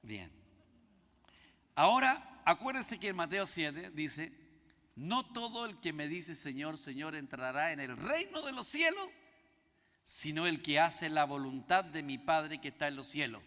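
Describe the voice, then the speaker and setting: A man's voice: a little high, a little slow, long reverb tail. A Chilean man preaching as a pastor, teaching through a story and acting out both sides of the dialogue. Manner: animated, acts out dialogue in quoted voices. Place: church.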